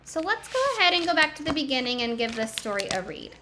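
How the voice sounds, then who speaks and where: This high-voiced woman is reading a picture book aloud to children, full of expression and emphasis, with pauses for explanations and questions. There is background noise in the clip.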